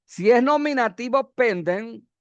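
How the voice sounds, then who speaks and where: A man teaching Bible Greek grammar in a classroom lecture, halting, with many fillers and questions to the class. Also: very high-pitched, lively intonation, clean tone, no echo, muffled recording.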